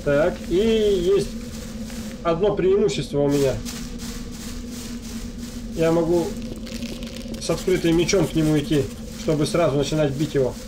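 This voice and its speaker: A man's voice: on the high side, unhurried, pauses often. A man giving casual game commentary, half talking to himself and half to viewers as he plays. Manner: muttering to himself while playing, addressing viewers. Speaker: gamer, let's play host. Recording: noisy, game sound behind voice.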